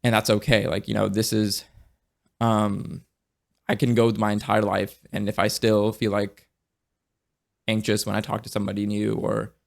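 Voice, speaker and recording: A man's voice: on the low side, creaky. A man hosting a podcast, talking in an earnest, reflective way that often trails off and restarts. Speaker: podcast host. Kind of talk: casual conversational interview.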